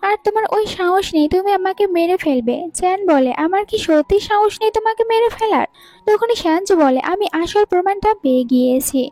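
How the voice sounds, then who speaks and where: A woman's voice: very high-pitched, expressive, a little fast, a little mellow, no echo, soft background music. A woman with a Bangladeshi Bengali accent narrating a drama recap and reading every character's lines in her own voice. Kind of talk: storytelling narration with quoted dialogue.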